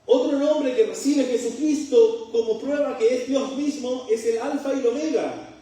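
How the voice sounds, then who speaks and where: A man's voice: very high-pitched, normal speed, dark tone. A middle-aged man from Chile with a Chilean accent, preaching a sermon and putting rhetorical questions to his congregation with joking asides. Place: church hall. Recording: very echoey room, mic far off.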